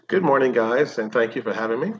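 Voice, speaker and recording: A Bahamian man in his fifties, a real estate agent answering interview questions in a measured, explanatory way with frequent ums. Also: medium pitch, animated, husky, no room sound, highs cut off. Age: 50s. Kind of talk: remote interview.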